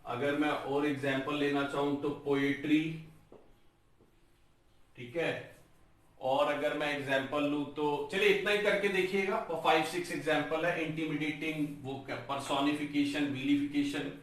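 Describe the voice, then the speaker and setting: A man teaching an English lesson, sounding out words slowly syllable by syllable and calling his viewers guys. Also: on the high side, fairly even intonation, a bit bright, recorded from a distance. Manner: breaks words into slow, drawn-out syllables, addresses viewers as guys. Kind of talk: classroom-style lesson on a whiteboard. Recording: very echoey room, voice from off-mic.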